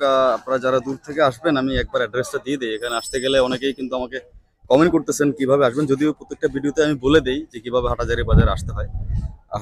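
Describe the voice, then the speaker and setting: A man hosts a market vlog outdoors, speaking slowly and softly as he haggles with sellers and talks to viewers. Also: mid-range voice, dry recording. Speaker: market vlogger host. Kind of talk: walking vlog, bargaining and addressing viewers.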